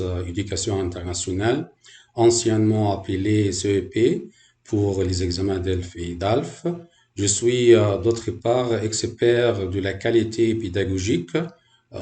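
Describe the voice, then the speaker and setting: A man's voice: fairly low pitch, mellow, echoey room. A man from Egypt, a French language teacher, gives a hesitant talk to fellow teachers with many fillers and restarts.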